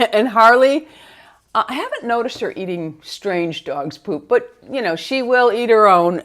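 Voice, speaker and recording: A middle-aged woman with a medium-pitched voice chats as a beauty vlogger. Her delivery is conversational and rambling, in a casual get-ready-with-me style aimed directly at her viewers.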